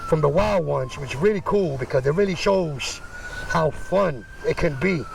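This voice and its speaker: A man's voice: on the high side, animated, normal speed, vocal fry, noisy background. A man giving casual, easygoing motovlog commentary, speaking from inside a helmet. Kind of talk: casual vlog commentary while out riding. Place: outdoors on city streets, motorcycle.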